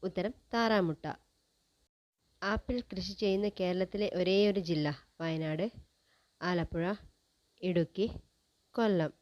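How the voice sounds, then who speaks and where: A woman presenting a general-knowledge quiz, reading each question and its options in a measured, list-like way. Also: lowish voice, steady tone, a little mellow, no room sound, lo-fi sound.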